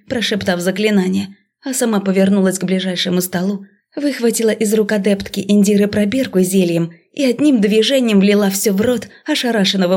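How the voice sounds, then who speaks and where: A woman reading a first-person fantasy novel aloud, speaking expressively and dropping to a hush in intimate passages. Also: medium pitch. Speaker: audiobook narrator.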